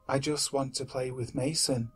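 A man's voice: mid-range voice, steady tone, moderate pace, soft background music, lightly acted. Man voicing a creepy pleading child-creature. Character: eerie childlike creature begging entry, boy.

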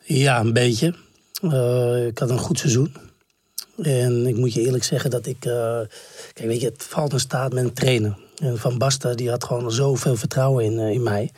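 Man, 40s, former pro footballer guest; husky, cracking voice, close dry sound, rambling anecdotes. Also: medium pitch, fairly even intonation, moderate pace, darkish tone, no room sound. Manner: rambling storyteller, many fillers and restarts. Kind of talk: casual interview chat.

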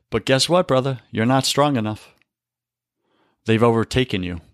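A man's voice: mid-range voice, a bit bright, dry recording, studio quality. A man talking on a faith podcast, preaching with emphasis and often calling the listener brother. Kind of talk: faith-based podcast talk.

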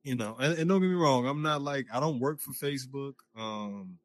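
A man's voice: medium pitch, moderate pace. A man from the United States, a podcast guest, chatting casually and emphatically through a VR headset mic in a virtual space. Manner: emphatic, talks loosely with fillers. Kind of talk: casual chat. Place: virtual reality social space.

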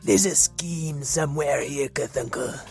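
A man playing a nosy, suspicious detective who talks in an excitable, accusing way. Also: a little high, slow pace, creaky, faint music behind. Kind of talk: improvised comedic audio fiction.

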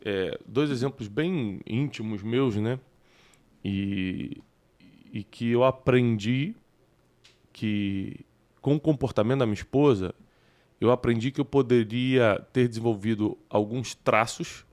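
A man's voice: medium pitch, slow pace, a little mellow. A man, a podcast host candidly telling personal stories in casual conversation and laughing at himself.

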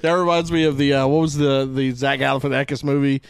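A man's voice: mid-range voice, steady tone, fast talker, vocal fry, clean tone, dry recording. A man co-hosting a podcast, joking crudely in casual chat with bursts of laughter. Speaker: podcast co-host.

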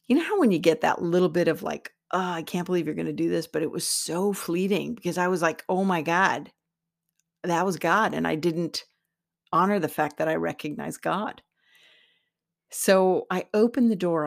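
A middle-aged woman telling a personal spiritual story in a reflective, halting way, with restarts. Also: deep voice, creaky. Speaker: podcast host.

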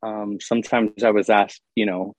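Earnest young man with a low voice. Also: little pitch movement, normal speed, a little mellow, dry recording, low-quality recording. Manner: earnest, open, with many ums and you-knows. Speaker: singer-songwriter guest. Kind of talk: reflective interview answers.

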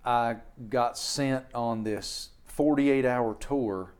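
A man's voice: mid-range voice, extremely slow, a little mellow, clear, resonant tone. A man hosting a podcast, chatting casually and enthusiastically with his guest and telling his own story. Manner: enthusiastic, acts out quoted voices. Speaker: podcast host. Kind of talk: casual interview chat.

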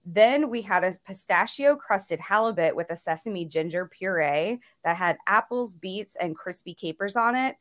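A woman's voice: mid-range voice, expressive, moderate pace, few pauses, a bit bright. Chatty woman podcast co-host. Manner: chatty, upbeat, frequent "like" fillers. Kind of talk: casual food podcast chat.

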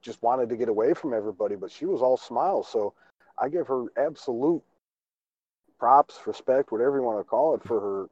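Co-host, man from Chicago, mellow tone, blunt jokey delivery, muffled lo-fi mic. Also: medium pitch, lively intonation, brisk, no room sound. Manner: blunt, joking, swears casually. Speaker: podcast co-host. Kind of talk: casual chat.

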